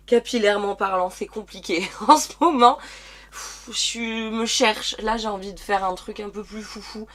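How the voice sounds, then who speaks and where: A beauty vlogger in her early thirties chats loosely through her makeup routine at home, facing a camera in a small dressing room, sighing often and restarting or correcting herself. Still recovering from covid, she sounds slightly croaky. Her voice is medium in pitch and fairly bright, at a moderate pace.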